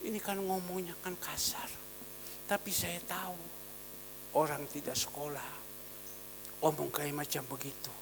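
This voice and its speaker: A man pastor preaching a sermon, shifting between loud exhortation and quiet storytelling. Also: fairly high pitch, flat delivery, unhurried, creaky, long pauses, long reverb tail, noisy background. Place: church hall.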